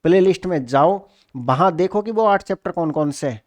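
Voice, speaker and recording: A man's voice: high voice, lively intonation, a little fast. A male maths teacher with a Rajasthani Hindi accent explains exam problems step by step, asking and answering his own questions. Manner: asks and answers his own questions, addressing students as sir. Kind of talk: exam-prep maths lesson.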